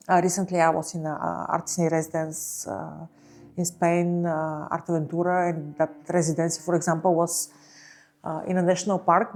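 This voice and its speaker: A woman from Bulgaria, probably in her thirties, speaking as a visual artist in an interview, slow and searching, with many fillers and pauses. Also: lowish voice, darkish tone. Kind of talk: reflective interview talk.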